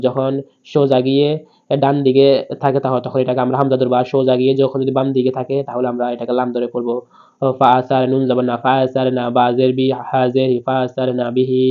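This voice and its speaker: A man with a Bangladeshi accent teaching Quran reading. He spells out each word letter by letter, explains briefly, then recites slowly. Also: mid-range voice. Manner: quick plain explanations, then slow drawn-out chanted recitation. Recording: dull lo-fi recording.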